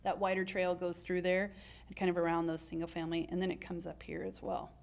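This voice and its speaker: A woman's voice: fairly low pitch, little pitch movement, fairly quick. A woman from city planning staff, explaining a development plan step by step to a council, with frequent ums and uhs. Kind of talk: presenting a staff report.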